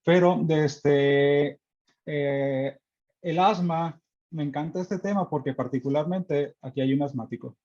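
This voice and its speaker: A man with a Mexican accent, an internist presenting in a friendly, relaxed way with many fillers. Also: a little high, measured pace. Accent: Mexican Spanish. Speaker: internist and guest speaker. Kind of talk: online medical presentation. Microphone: video call. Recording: muffled video-call audio.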